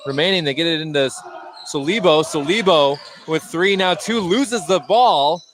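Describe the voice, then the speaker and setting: In a voice on the high side and at normal speed, a man provides live radio play-by-play of a basketball game. His descriptions are short and clipped, and the recording picks up plenty of noise from the gym, including bouncing basketballs.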